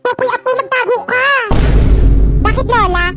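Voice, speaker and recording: Very high squeaky cartoon-skit voice. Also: normal speed. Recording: music playing clearly behind the voice.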